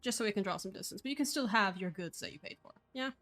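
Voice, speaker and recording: A woman's voice: mid-range voice, animated, a bit bright. A woman from Poland, not a native English speaker, speaking firmly on an online group voice call and filling her sentences with "uh" and "um". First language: Polish. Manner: firm, measured, with frequent fillers. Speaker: call moderator.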